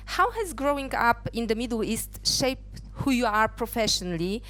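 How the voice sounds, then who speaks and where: A woman from Poland moderating a conference panel, asking halting questions full of fillers into a handheld mic. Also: mid-range voice, fairly bright tone, clear, resonant tone. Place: conference stage.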